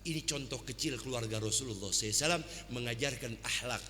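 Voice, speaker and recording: A male preacher telling a story sermon in an animated way, speaking to his listeners as brothers, at an Islamic boarding school event. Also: medium pitch, very fast, slight background noise. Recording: long hall reverb.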